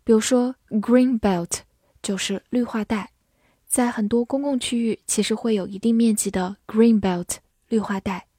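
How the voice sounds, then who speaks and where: A woman teaching English vocabulary in a scripted lesson. She speaks, spells words out letter by letter and reads example sentences slowly and clearly. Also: a little high, steady tone, mellow, no echo, clean studio sound.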